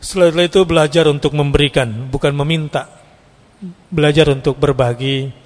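A man's voice: fairly high pitch, steady tone, moderate pace. A man preaching to a congregation in a chatty, teasing way, rising to emphatic peaks. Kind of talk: sermon to a live congregation. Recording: hall reverb.

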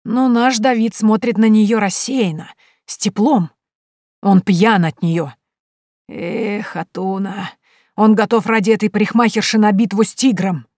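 A woman reading an audiobook voices a sharp-tongued, domineering old mother-in-law who scolds slowly and cuttingly. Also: medium pitch, no room sound, studio quality, voice pushed up, close to an everyday voice. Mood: scolding.

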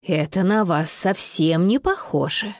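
A woman voicing a gently firm mother and grandmother in an audiobook, lower and measured. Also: no echo, studio quality. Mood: calm. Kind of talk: audiobook character voice.

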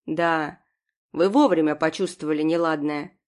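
A bossy old woman doctor barks her orders, low and loud, voiced by a woman reading an audiobook. She speaks in a hard, commanding way and puts up with no argument. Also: fairly even intonation, measured pace. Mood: imperious. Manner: commanding, barking. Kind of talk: audiobook character voice.

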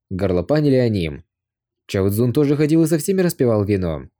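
Male narrator, audiobook reading, warm mellow tone, animated expressive delivery. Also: on the low side. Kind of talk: scripted narration.

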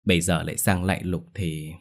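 A man's voice: low voice, level tone, brisk. A man playing a shaken, frightened son. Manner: shaken, stammering, crying out. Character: frightened grown son haunted by dead father.

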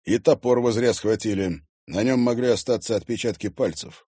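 In an audiobook, a stern middle-aged sheriff voiced by a man speaks seriously and curtly, grumbling at the youngsters. The voice is low, dark and husky, with dry, close sound. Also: normal speed, no echo. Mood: reproving.

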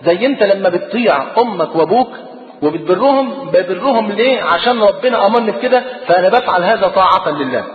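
Rapid Egyptian preacher, tinny and echoey. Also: male voice, high voice, expressive. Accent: Egyptian Arabic. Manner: rapid, asks the audience rhetorical questions. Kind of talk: religious lecture. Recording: tinny phone-like recording in an echoey hall.

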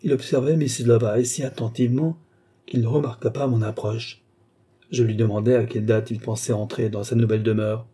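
A man reading a novel aloud as a narrator, in a measured storytelling manner. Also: medium pitch, fairly even intonation, mellow, breathy edge. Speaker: audiobook narrator. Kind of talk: scripted narration.

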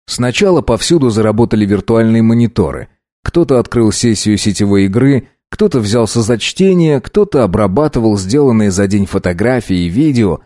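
A man narrating an audiobook in a steady, even reading. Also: lowish voice, moderate pace, no room sound, clean studio sound.

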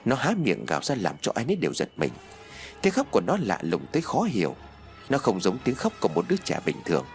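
A man narrating a horror audiobook in an expressive, dramatic storytelling manner. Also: lowish voice, fast, soft background music.

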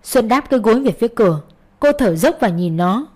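A woman reading a romance story aloud in a steady, even narrating voice. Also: mid-range voice, brisk, breathy edge. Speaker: audiobook narrator.

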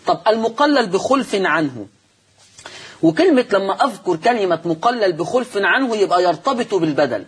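A man's voice: high voice, lively intonation, a little fast, breathy edge. A man with an Egyptian accent teaching Quran recitation rules on a religious TV program, explaining step by step, asking and answering his own questions and repeating the key terms. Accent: Egyptian Arabic. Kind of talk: televised religious lesson.

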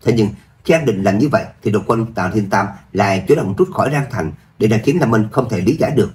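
A man narrating a serialized fantasy story in a steady, even reading voice, speaking all the characters himself. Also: on the low side, quick pace. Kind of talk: audiobook-style story narration.

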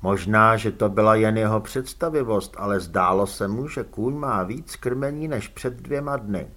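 A man narrating an audiobook in measured, expressive storytelling. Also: on the low side. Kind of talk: scripted narration.

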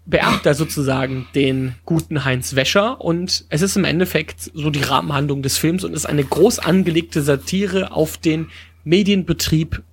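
A man's voice: fairly high pitch, moderate pace, a little hiss or hum. A man hosting a podcast in casual, playful chat, often turning to address the listeners. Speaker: podcast host. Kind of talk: casual comedic chat about films.

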